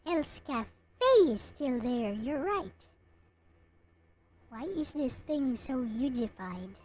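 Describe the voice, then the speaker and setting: Reading a visual novel aloud as she plays, a woman livestreams and talks straight to her audience in a relaxed way. Her voice sits high and sounds animated yet slow, with a darkish tone; game music and slight background noise accompany her.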